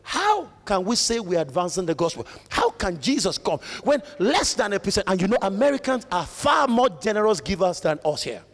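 A man with a Nigerian accent preaching a fervent Pentecostal sermon, calling out and rising to shouts. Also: sits high, very animated, brisk, few pauses. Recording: long reverb of a large hall.

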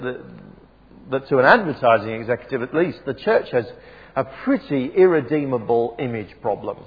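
A preacher delivers a wry, conversational sermon packed with ums and self-corrections. His medium-pitched voice is a little husky and travels through a church PA microphone with long reverb. The recording is dull and lo-fi.

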